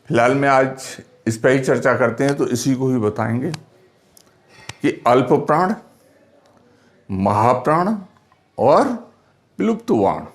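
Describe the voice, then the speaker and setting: Male teacher, very slow pace, deliberate, sounds spelled out one by one, asks and answers his own questions. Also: medium pitch, lively intonation. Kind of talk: classroom lesson on pronunciation.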